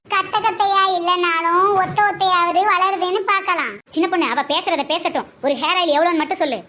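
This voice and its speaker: A woman doing shrill village women locked in an in-law feud, a very high, piercing voice trading quick, teasing jabs. It is a scripted comedy skit, full of mock outrage and banter. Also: pushed and bright. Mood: quarrelsome. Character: squabbling village women, feuding mother-in-law and daughter-in-law.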